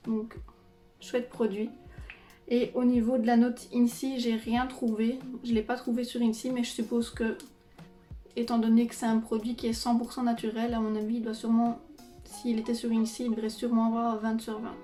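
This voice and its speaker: A woman's voice: a little high, level tone, normal speed, mellow, soft background music. Chatty woman reviewing skincare, echoey room. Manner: chatty, many fillers and "donc". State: pregnant. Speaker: beauty vlogger. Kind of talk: casual product review.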